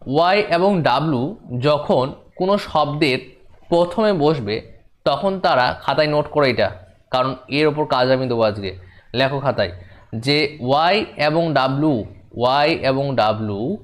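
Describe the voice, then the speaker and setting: A man giving a demo class to students, explaining slowly and repeating each point as he speaks to them directly. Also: medium pitch. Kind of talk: classroom lesson.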